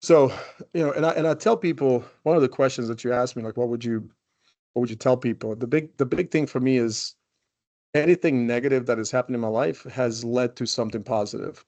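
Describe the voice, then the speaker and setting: A man's voice: mid-range voice, darkish tone. Man, forties, interview guest, rambling, frequent fillers and restarts. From Croatia. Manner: loose and rambling, leaning on "you know" and restarts. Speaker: guest, company CEO. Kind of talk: casual interview talk.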